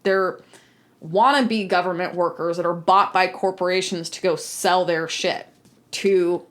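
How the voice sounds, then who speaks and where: A woman's voice: fairly low pitch, steady tone, unhurried. A woman co-hosting a podcast, ranting heatedly in casual chat and swearing freely. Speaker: podcast co-host.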